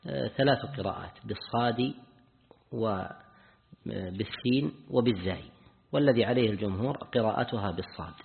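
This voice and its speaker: A man's voice: on the low side, brisk, gravelly, pauses often, phone-quality sound. A man, a sheikh, explaining a classical text to a student who reads aloud, stopping to correct him and then expanding on each point. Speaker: sheikh teaching tafsir.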